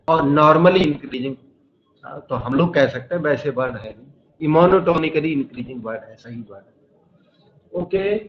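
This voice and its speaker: A male maths teacher giving a lecture in a classroom, explaining step by step and quizzing his students. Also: high voice. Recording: echoey room, slightly dull sound.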